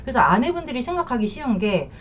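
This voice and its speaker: Blunt, lively female counselor. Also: on the high side, fast talker, slight background noise. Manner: frank, blunt, acts out quotes. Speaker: marriage and affair counselor. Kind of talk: advice talk to camera.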